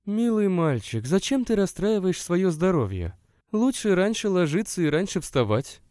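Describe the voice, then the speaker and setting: A man reading aloud voices a gentle, pleading young woman visitor in a spoken story. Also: high-pitched, big pitch swings, moderate pace, dry recording, studio quality, pitched above the performer's own voice. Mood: hurt. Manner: soft, pleading, lilting.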